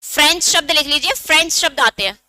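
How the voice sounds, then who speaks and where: Bright, high-voiced woman teaching a lesson. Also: brisk, no room sound. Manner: explains step by step, asks students questions and answers them herself. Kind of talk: online exam-prep lesson.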